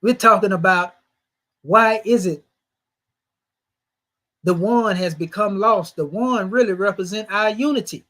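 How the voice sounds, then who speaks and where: A man with a high-pitched voice and a Southern US accent delivers a scripture teaching in a sermon style. He speaks with a preacher's cadence, asking rhetorical questions and stressing his points with rising and falling emphasis. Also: unhurried, long pauses, fairly bright tone. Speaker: religious teacher.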